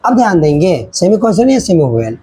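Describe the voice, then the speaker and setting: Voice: medium pitch, big pitch swings, quick pace, mellow, slightly rough, rough recording. A teacher giving a children's grammar lesson, repeating points and checking in often while mixing in English words.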